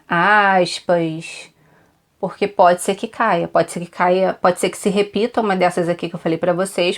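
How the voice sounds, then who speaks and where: A woman with a Brazilian accent giving an online exam-prep lesson, chatty and repetitive, often checking in with her students. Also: lowish voice. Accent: Brazilian Portuguese. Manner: chatty, repeats tips, frequent "tá?" check-ins. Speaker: Portuguese teacher for exam prep.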